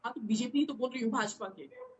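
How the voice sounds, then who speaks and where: Woman with a high voice, party spokesperson, heated debate, argumentative, repeats herself. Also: very animated, fairly quick, highs cut off. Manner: argumentative, repeats words and restarts often. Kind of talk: heated televised political debate.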